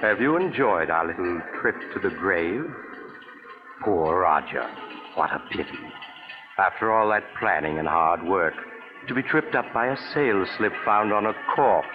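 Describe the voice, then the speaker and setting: Deep-voiced sinister mystery storyteller. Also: male voice, expressive, unhurried. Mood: darkly amused. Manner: macabre, mock-sympathetic. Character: sinister, wryly amused mysterious storyteller on a train. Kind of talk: 1940s radio mystery host. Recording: muffled old radio recording, clear music behind.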